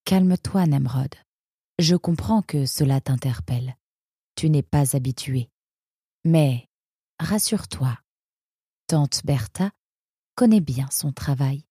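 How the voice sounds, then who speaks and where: A man voicing a calm animal companion in a storybook, soothing and steady. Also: on the high side, slow, pauses often, husky, dry recording, clean studio sound, exaggerated voice.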